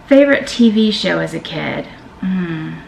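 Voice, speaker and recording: A woman's voice: on the low side, lively intonation, a little slow, gravelly, darkish tone. A middle-aged woman with a Southern American accent, chatting casually as she answers tag questions in her vlog, emphatic and fond of saying y'all. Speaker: vlogger. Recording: echoey room with faint ambient noise.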